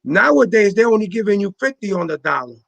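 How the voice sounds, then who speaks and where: A man's voice: high voice, very animated, fast, vocal fry, fairly bright tone, dry recording. A man in his forties hosting a casual panel chat on a video call, emphatic and full of street slang, repeating his points. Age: 40s.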